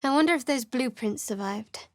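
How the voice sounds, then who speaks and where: A woman's voice: high voice, moderate pace, no echo, clean studio sound, close to an everyday voice. A woman playing Shadowheart, a guarded wry cleric. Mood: dry. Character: guarded young female cleric, dry and secretive. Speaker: game character. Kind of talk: video game voice acting. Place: studio booth. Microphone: studio mic.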